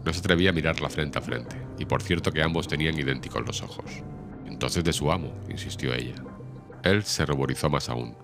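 A man with an extremely deep voice narrates a classic novel in a steady, measured way. He reads quickly. Background music plays under the narration. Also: creaky. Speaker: audiobook narrator. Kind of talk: audiobook narration. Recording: music behind the reading.

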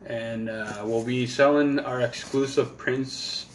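A man's voice: medium pitch, fairly even intonation, takes it slowly, slight background noise. A man co-hosting an event live stream, explaining merchandise and prizes casually, with plenty of fillers. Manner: announcing details with fillers. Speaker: event co-host.

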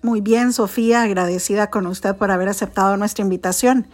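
A woman's voice: medium pitch, fairly even intonation, brisk, darkish tone. A woman hosting a podcast, reading a scripted intro and asking questions in a polite, formal manner. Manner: formal, polite, uses usted. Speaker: podcast host.

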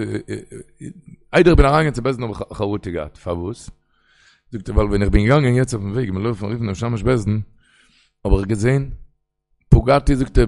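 Gravelly-voiced rabbi preaching in Yiddish. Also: male voice, on the low side, a little mellow. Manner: rambling, storytelling, quoting sources in a singsong. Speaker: rabbi giving a Torah talk. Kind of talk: Yiddish sermon on the weekly portion.

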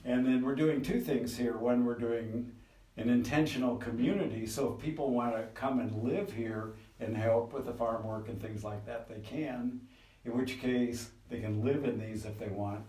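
A man's voice: mid-range voice, moderate pace. A man giving a casual, practical tour of a small earth house, heard in a poor-quality field recording. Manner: relaxed, practical, hands-on explaining. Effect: poor-quality, distant field recording. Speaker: community member giving a tour. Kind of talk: casual explaining on a walking tour. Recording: distant, echoey, noisy field recording.

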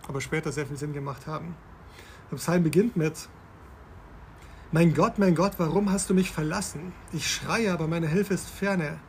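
A man's voice: on the high side, a little hiss or hum. A man hosting a podcast, explaining Bible passages step by step in a conversational way and asking his listener questions. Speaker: podcast host.

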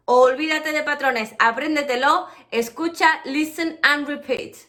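A woman teaches English pronunciation in a bright, high voice. Her pace is unhurried, and she pauses to model each English word slowly. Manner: explains with many examples, then models English words slowly. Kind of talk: pronunciation lesson.

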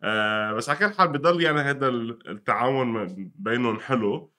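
A young man with a Lebanese Arabic accent, appearing as a gaming commentator and guest, chats casually about gaming news and mixes in English gaming terms. His medium-pitched voice has a sharp tone and a quick pace.

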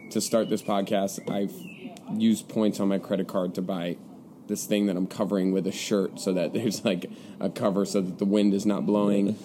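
A man's voice: fairly low pitch, warm tone. Young man, congested nasal sound, casual podcast host, informal upbeat slang, noisy outdoor recording. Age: 20s. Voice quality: congested, stuffy-nosed. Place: outdoors by a pool. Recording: outdoor recording with clear background noise. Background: birds, people and music.

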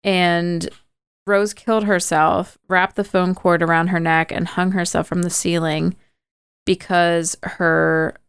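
A woman's voice: lowish voice, flat delivery, slow, clean tone, no room sound, clean studio sound. A woman podcast host casually retelling a movie plot, chatty and full of "like" and "kinda".

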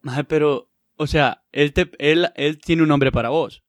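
A young man with a slightly high voice chats casually. He laughs often and swears freely. The recording is dry and close. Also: steady tone, unhurried, no room sound. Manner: laughs often, crude slang. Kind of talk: casual chat.

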